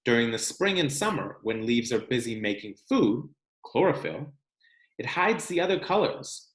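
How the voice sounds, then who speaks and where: Here a teacher reads aloud to his students: a male voice of medium pitch going through a kids' science book at a moderate pace. His delivery bounces lively up and down as he addresses the children directly, and the space sounds big and echoey.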